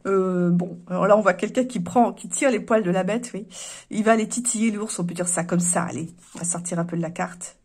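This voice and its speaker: Husky lady doing a casual tarot reading, chatty, lots of fillers. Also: medium pitch, a little fast, a little mellow. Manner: chatty, opinionated, thinking aloud with fillers. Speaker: tarot reader.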